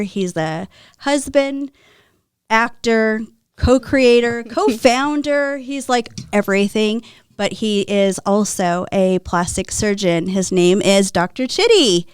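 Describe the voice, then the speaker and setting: Slow-spoken woman host, smooth voice. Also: medium pitch, no echo, studio quality. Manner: enthusiastic, gushing. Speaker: podcast host. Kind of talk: interview hosting.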